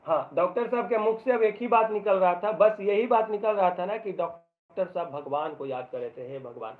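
A male teacher giving a live online English lesson in Hindi, joking as he explains and reading the English passages aloud very slowly. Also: sits high. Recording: tinny phone-like audio.

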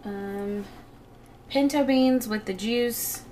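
A woman's voice: on the high side, drawn-out words, mellow. A woman chatting informally and playfully as she narrates a home vlog on a handheld camera. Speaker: home vlogger. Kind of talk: casual vlog chat with narrated cooking. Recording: clear background noise.

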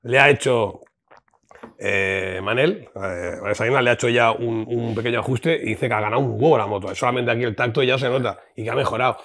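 Hombre charlando de motos con soltura. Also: male voice, medium pitch, brisk, creaky. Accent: Spanish. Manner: animated, repeats words, swears casually. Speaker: motorcycle shop co-host. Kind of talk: casual chat.

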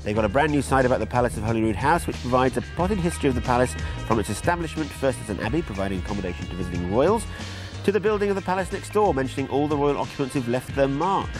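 A man's voice: mid-range voice, animated, rapid-fire, hardly any pauses, music in the background. A middle-aged man presenting a TV documentary outdoors, talking to camera with wry, jokey asides. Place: outdoors by a brick building, sitting with a laptop.

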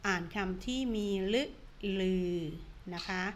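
A woman teacher giving an online reading lesson to young pupils, drawing out each word slowly in a sing-song drill and coaxing them to read along. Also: mid-range voice. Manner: slow, drawn-out, sing-song drilling of words. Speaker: primary school teacher.

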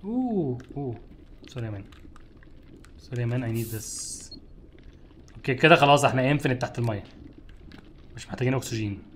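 A young man with an Egyptian Arabic accent giving casual, jokey commentary while he streams a game, with loud outbursts at scares. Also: medium pitch, lively intonation, fast, pauses often, a little hiss or hum. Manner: jokey, exclaims loudly at scares.

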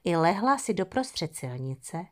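A woman's voice: fairly low pitch, big pitch swings. A woman voicing a hunter father telling a fox story to his young son in an audio fairy tale. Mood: storytelling.

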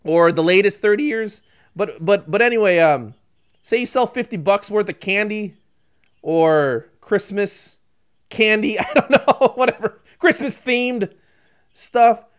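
A man co-hosting a casual podcast, rambling through animated rants with sudden louder outbursts and frequent laughter. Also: high voice, measured pace, clear, resonant tone. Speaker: podcast co-host. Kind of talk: casual chat.

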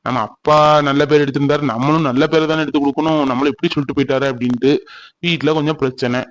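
A man's voice: on the high side, fairly even intonation, a little hiss or hum, close to an everyday voice, rough recording. A man voicing heartbroken young village man Saravanan. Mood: troubled. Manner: mournful, pleading, slow and tearful. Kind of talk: cartoon voice acting.

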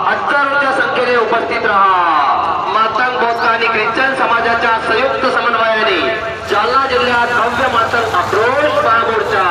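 Man announcing through a megaphone. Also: very high-pitched. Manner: declamatory, repeating calls to attend. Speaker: rally announcer. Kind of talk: public announcement. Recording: echoey distant loudspeaker outdoors. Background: loud crowd and street noise.

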